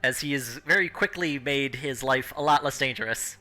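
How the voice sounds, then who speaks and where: A man's voice: mid-range voice, normal speed, sharp tone, faint music behind. A man running a tabletop game as game master, narrating and explaining rules casually.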